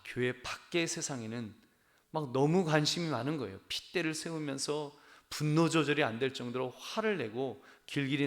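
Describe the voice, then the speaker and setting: A man, a pastor, delivering an earnest sermon, often turning to the congregation with direct appeals and building to emphatic, animated peaks. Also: medium pitch.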